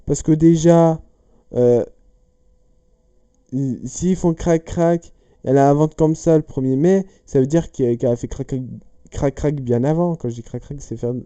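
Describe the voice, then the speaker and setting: Slow, dark-voiced rambling man. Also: on the high side, smooth, no room sound. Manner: rambling, jokey, self-correcting. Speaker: youtuber. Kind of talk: casual chat solving riddles on camera.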